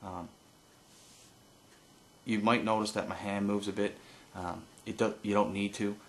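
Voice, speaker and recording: A man giving an informal hands-on tutorial as an instructor, explaining haltingly with pauses and no script. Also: fairly low pitch, level tone. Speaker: duck-calling instructor.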